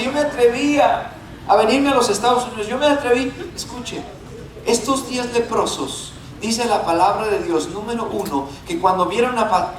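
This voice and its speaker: A male pastor preaching a sermon, animated and calling on the congregation to repeat after him. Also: high-pitched, reverberant, recorded from a distance, slight background noise, poor audio. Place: church sanctuary.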